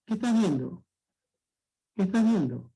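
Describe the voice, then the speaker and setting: Male tutor, high husky voice, patient, repeats every rule, keeps checking in. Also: sing-song, measured pace, warm tone, low-quality recording. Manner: patient, repetitive, checks understanding often. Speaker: language teacher. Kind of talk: exam-prep lesson.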